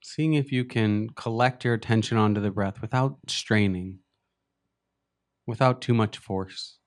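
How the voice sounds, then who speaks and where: Speaking at a fairly low pitch, a man guides listeners through meditation as their teacher, offering brief, gentle phrases slowly and leaving long pauses between them.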